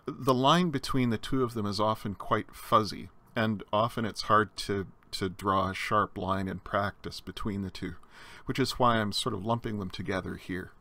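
A man's voice: on the low side, a bit bright. A man giving a recorded slide lecture on Greek grammar, explaining step by step with frequent fillers and restarts.

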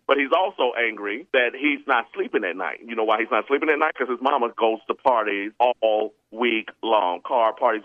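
Forty-something man, lively storyteller in conversation, tinny phone-like audio, dry. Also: mid-range voice, no room sound. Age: 40s. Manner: animated storyteller, acts out students' voices. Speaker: elementary school educator.

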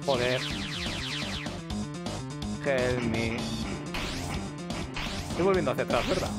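A man, commentating a game live and reading its text aloud, excitable, swearing often and shouting suddenly. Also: mid-range voice, slow. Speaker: streamer. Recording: game music playing clearly behind the voice.

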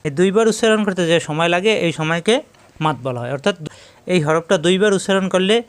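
A man's voice: high voice, fast talker, smooth. A man teaching a Quran recitation lesson, explaining each rule step by step and repeating key points patiently while he demonstrates the sounds.

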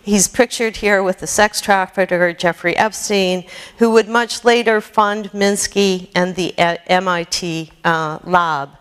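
A woman giving a keynote lecture, reading a prepared academic text in a measured way, with occasional slips and restarts. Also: medium pitch, steady tone, clear, resonant tone. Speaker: keynote speaker. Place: lecture hall with projected slides. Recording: reverberant lecture hall.

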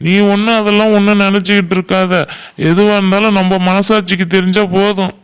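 A man voicing a calm, fatherly village husband in a cartoon, firm and calming with his wife. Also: high-pitched, brisk, clean tone, lightly acted. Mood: soothing. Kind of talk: Tamil cartoon voice acting.

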